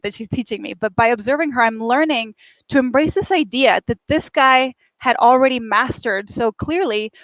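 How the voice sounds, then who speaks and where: A woman from Mexico hosts a conversational livestream as a life coach. Her voice sits a little high, and the sound is very dry, with almost no room to it. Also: no room sound, poor audio. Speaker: host, life and career coach. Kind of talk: conversational livestream monologue and interview. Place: at a beach.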